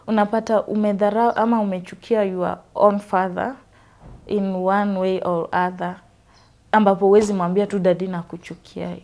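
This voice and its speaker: A Kenyan woman in her twenties from Western Kenya tells her life story earnestly in an interview, moving freely between English and Swahili. Her voice is medium-pitched and a little mellow.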